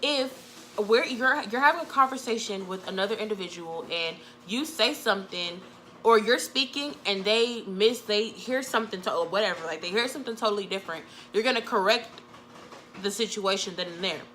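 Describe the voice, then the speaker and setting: Bright-voiced young woman telling a story. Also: mid-range voice, normal speed, slight background noise. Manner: chatty, full of "like" fillers, quotes people vividly. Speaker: vlogger. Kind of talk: casual storytime.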